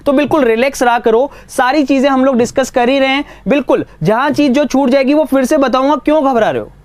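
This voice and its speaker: A man teaching reasoning in a live exam-prep class, brisk and coaxing, mixing Hindi with English. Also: very high-pitched, no room sound, studio quality.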